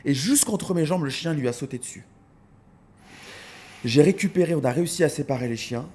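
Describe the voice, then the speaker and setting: A man speaking casually in an interview, an animated storyteller who acts out scenes and often repeats words as he starts a thought. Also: medium pitch, quick pace. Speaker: dog content creator, guest.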